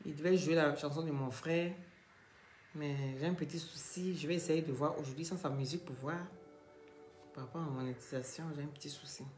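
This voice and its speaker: A woman's voice: low-pitched, fairly even intonation, a little fast, a little mellow, reverberant, soft background music. A woman hosting a live gossip stream, calling out viewers by name and repeating phrases. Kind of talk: Facebook live gossip commentary.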